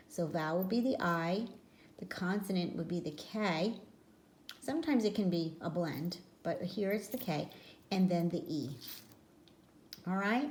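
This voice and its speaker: A woman teaching a phonics lesson to young children, speaking slowly, clearly and patiently. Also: lowish voice, a little mellow. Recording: echoey room.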